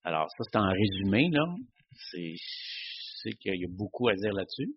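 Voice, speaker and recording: Guy talking about faith, kinda husky voice, dull lo-fi recording. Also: low-pitched, lively intonation, moderate pace. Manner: conversational, frequent tag questions. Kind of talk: casual teaching on faith.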